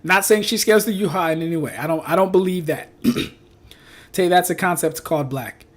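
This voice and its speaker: A young man with a high, lively voice hosts a live stream, answering chat with teasing banter. He repeats his punchlines in rhythmic riffs and laughs often. He sounds casual and playful throughout. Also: moderate pace.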